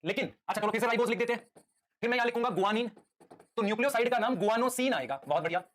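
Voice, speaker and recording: Fast-talking male teacher quizzing students. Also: extremely high pitch, fairly bright tone. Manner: quizzes students with rapid repeated questions; patient, calls students "beta". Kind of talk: live online lecture.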